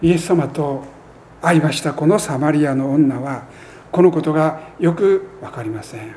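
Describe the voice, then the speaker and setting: A man preaching a sermon as a pastor, speaking earnestly with emphatic rises and measured pauses. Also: on the high side, a little mellow, a little hiss or hum.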